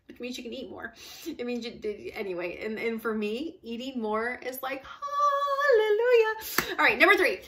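A woman's voice: fairly high pitch, pushed and bright. A woman in her forties, a fitness coach talking straight to the camera from a small room at home, chatty and emphatic, laughing often. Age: 40s. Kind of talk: casual direct-to-camera talk.

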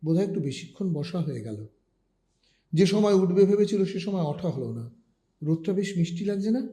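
Calm, mellow male storyteller. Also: sits high, brisk. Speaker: story reader. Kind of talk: storytelling reading of a short story.

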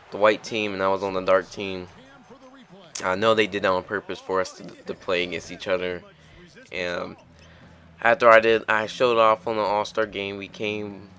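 Man, very low pitch, bright edge, casual rambling gameplay chat. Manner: rambling, chatty, with frequent restarts. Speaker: gaming channel host.

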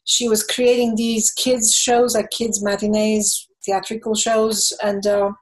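This guest is a woman in her fifties with a Bulgarian accent who composes for film and games, appearing on a webcam video call from a home room with bookshelves. She is thoughtful and fills pauses with "you know," her medium-pitched voice delivered flatly over poor audio.

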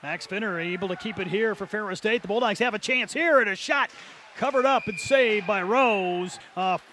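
A man's voice: high voice, moderate pace, bright, forceful tone, slight background noise. A man calling ice hockey play-by-play in an arena, rattling through the action and erupting on goals. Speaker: play-by-play announcer. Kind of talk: play-by-play sports commentary.

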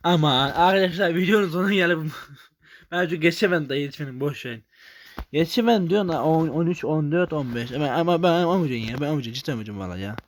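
A young man narrates his own gameplay in an excitable, slightly high voice. He mutters quick strings of repeated words to himself as he works. When things slip away he swears and grumbles, then dives straight back in. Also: a little hiss or hum. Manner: rapid muttered repetitions. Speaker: gamer. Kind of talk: gameplay commentary.

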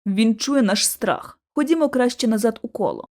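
A woman reading an audiobook and voicing a decisive young male agency leader who speaks in a low, slowed, commanding way. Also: expressive, a little mellow, lightly acted.

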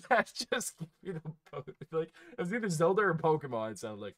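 A man's voice: a little high, big pitch swings, moderate pace, a bit bright. A man casually chatting to his live chat while playing a game, swearing and laughing often. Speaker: streamer.

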